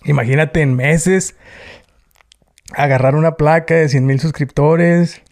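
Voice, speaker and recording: Slangy northern Mexican man, slightly creaky voice. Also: fairly high pitch, steady tone, unhurried, darkish tone. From Tijuana, Mexico. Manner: colloquial, slangy. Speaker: YouTuber being interviewed. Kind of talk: casual chat.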